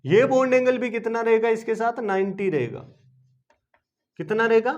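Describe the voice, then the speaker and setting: A man's voice: very high voice, moderate pace, a little mellow. A man teaching a chemistry lesson. He asks questions and then answers them himself, repeating points in a coaxing way. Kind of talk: classroom-style video lesson. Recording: dull lo-fi video lesson recording.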